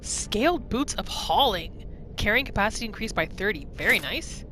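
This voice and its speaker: A woman at normal speed with a mid-range voice narrates her roleplay playthrough with casual, playful commentary, chatting expressively to herself and the game. There's video game music and a noisy background.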